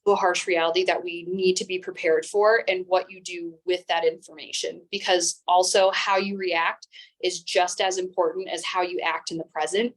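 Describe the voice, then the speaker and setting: A young woman in her twenties, a teacher, speaking as an interview guest in a calm, even, measured tone. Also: lowish voice. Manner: calm, even-toned speech. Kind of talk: interview conversation.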